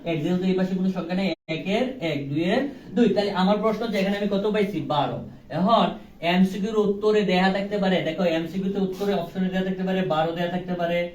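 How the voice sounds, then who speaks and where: A man's voice: high voice, fast talker, darkish tone. A young man teaching a live online class, asking questions and answering them himself in a casual, joking way. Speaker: online tutor. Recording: roomy, distant mic with faint ambience.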